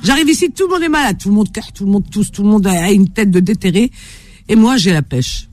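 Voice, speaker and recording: A woman's voice: medium pitch, lively intonation, brisk, darkish tone. A woman hosting a radio show, cheerful and teasing, laughing often with callers. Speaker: radio host. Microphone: studio microphone.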